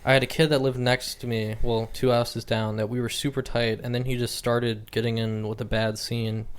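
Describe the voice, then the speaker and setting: A man's voice: medium pitch, little pitch movement, moderate pace, clear, resonant tone. A young man hosting a casual podcast, laid-back and drawling, often chiming in with short agreements. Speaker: podcast host. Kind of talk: casual chat.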